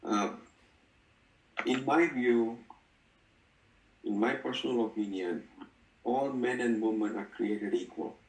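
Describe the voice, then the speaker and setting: A man's voice: medium pitch, slow pace, long pauses. A man presses his questions in a discussion, insistent and repeating himself. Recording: echoey room, distant mic.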